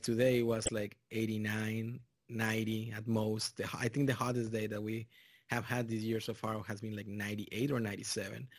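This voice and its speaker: A man's voice: fairly low pitch, creaky, no echo, studio quality. Man with a Mexican accent hosting a podcast. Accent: Mexican Spanish. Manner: rambling, with many fillers and restarts; loud and drawn-out in the intro. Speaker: podcast host. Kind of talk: casual podcast chat.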